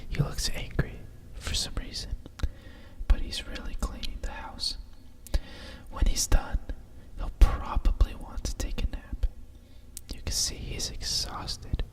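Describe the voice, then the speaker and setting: A fully whispered ASMR voice, reading a bedtime story right in your ear. The delivery is slow, soft and breathy, with soothing asides between the lines of the picture book. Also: far from the mic.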